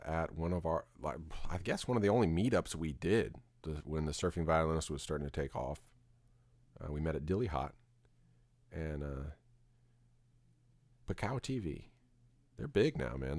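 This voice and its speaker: A middle-aged man from Florida talks loosely over a game stream, stopping and restarting his thoughts as he goes. His voice sits very low, and the sound is dry and close. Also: darkish tone, dry recording. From Florida, USA. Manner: rambling, with many restarts and fillers. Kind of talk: casual chat while gaming.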